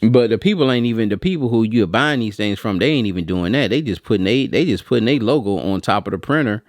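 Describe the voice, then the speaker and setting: Animated and fast, this lowish-voiced American video host rattles off unscripted, colloquial verdicts on print equipment, repeating phrases for emphasis. The studio-quality recording has no room sound.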